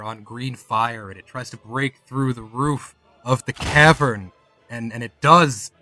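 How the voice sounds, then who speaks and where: A man acting as game master, improvising horror game narration in a halting way, often repeating words. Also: mid-range voice, bright, forceful tone, slight background noise.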